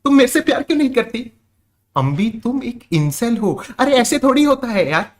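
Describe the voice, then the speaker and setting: A pleading, whiny young man who keeps complaining that nobody loves him, as a male streamer puts him on. The voice is pitched up high and thin. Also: very animated, moderate pace.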